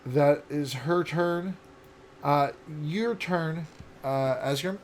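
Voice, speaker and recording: A man in his late thirties narrating as dungeon master, halting with fillers and restarts. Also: fairly high pitch, a little hiss or hum. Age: late 30s. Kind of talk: narrating a tabletop game.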